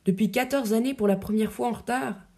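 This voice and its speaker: A woman's voice: on the high side, brisk, dark tone, close to an everyday voice. A woman voicing an affectionate noblewoman who chides lightly and fondly, reading verse drama. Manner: light, fond scolding. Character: noblewoman, affectionate, chiding, devoted widow.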